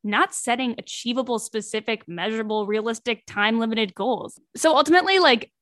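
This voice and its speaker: A woman's voice: on the high side, a little fast, fairly bright tone, no echo, clean studio sound. A young woman in her twenties on a podcast panel, talking candidly and reflectively, with many likes. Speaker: podcast panelist, grad student. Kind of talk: casual podcast chat.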